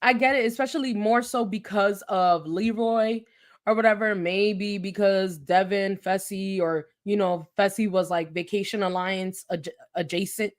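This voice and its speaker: A woman co-hosting a reality TV recap show, chatting casually with a friend. She talks animatedly and slips into quick impressions of the people she describes. Her voice sits at a middle pitch. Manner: animated, acts out quotes. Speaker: podcast co-host.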